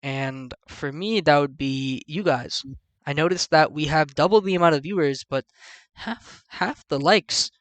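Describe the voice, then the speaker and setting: A young man with a fairly high voice hosts a laid-back podcast, reading listener questions aloud. He is playful and loose, joking as he pushes the audience to engage. The sound is dry and close, with no room around him. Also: unhurried, fairly bright tone, no room sound. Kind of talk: casual podcast chat.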